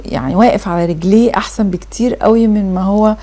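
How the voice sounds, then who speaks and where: A woman's voice: mid-range voice, fast, warm tone. A woman with an Egyptian Arabic accent hosting a TV talk show, chatty and encouraging. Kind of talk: casual TV interview.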